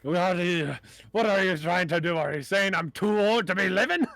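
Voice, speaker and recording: Very old male goblin, played by a man: cranky, suspicious, higher-pitched, scolding tabletop game figure. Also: moderate pace, a bit bright, no echo.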